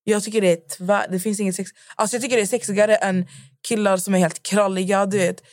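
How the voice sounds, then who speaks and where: A woman's voice: mid-range voice, fairly even intonation, darkish tone, no echo, clean studio sound. A young woman co-hosting a casual podcast chat, telling a story animatedly and acting out both sides of a conversation. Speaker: podcast co-host.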